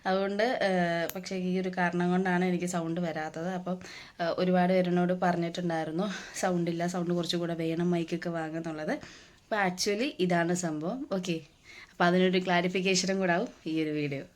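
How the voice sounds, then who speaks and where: A young woman from Kerala, hoarse from a lingering cough, chatting casually to viewers at home in a vlog, with plenty of fillers. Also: fairly low pitch, steady tone, brisk. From Kerala, India. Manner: chatty, with many "appam" and "aa" fillers, addressing viewers as guys. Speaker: vlogger. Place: at home, indoors and in the yard.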